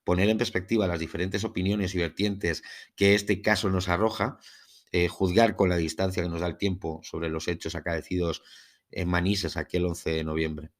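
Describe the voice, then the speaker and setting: Very deep-voiced man with a Spain Spanish accent. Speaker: podcast host. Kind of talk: podcast monologue on a UFO case, part scripted narration.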